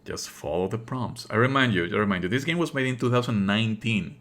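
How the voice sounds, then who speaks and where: Swearing casually, a male game streamer narrates a live let's play, sounding expressive, sardonic and exasperated. He talks fast in a fairly low-pitched voice.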